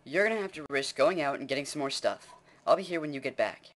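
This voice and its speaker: A man's voice: a little high, expressive, fast, fairly bright tone. A man voicing a nerdy young male gamer who barks orders from his hideout. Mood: frantic.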